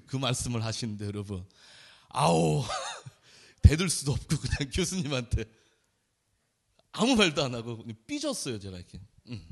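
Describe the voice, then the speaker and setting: A male junior pastor preaching a sermon in a chatty storytelling way, animated and often laughing. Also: fairly high pitch.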